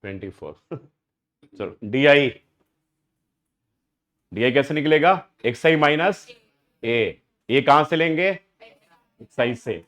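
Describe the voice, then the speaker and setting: A man's voice: medium pitch, animated, slow pace, pauses often, fairly bright tone. Indian man teaching math to a class. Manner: questioning students, mixing Hindi and English. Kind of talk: classroom lecture.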